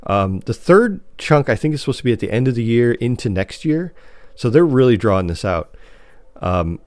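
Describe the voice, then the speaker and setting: Chatting about TV news on a podcast he co-hosts, this Chicago man keeps it informal, sometimes hesitating and looping back mid-thought. His medium-pitched voice is very animated and a little mellow, at normal speed.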